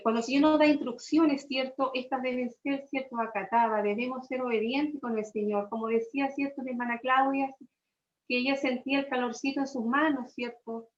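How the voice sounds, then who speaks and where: A woman with a Chilean accent, preaching a sermon to her congregation and tagging nearly every phrase with a questioning aside. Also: on the high side. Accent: Chilean Spanish. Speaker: church preacher. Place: church hall. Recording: echoey church room, dull lo-fi sound.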